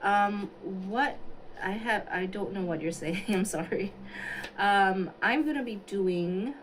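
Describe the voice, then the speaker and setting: Unhurried woman chatting through a makeup livestream. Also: medium pitch, a little hiss or hum, low-quality recording. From Singapore. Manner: chatty, thinking aloud, answering chat comments. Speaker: beauty livestreamer. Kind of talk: casual livestream chat while doing makeup. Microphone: phone on a stand.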